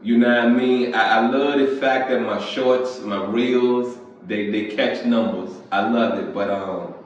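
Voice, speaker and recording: Slow-talking pastor in a very echoey room. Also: male voice, medium pitch, a little hiss or hum. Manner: conversational, repeats "you feel me"; clears throat often. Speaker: pastor and podcast host. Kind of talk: casual preaching monologue. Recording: echoey, distant, dull lo-fi sound.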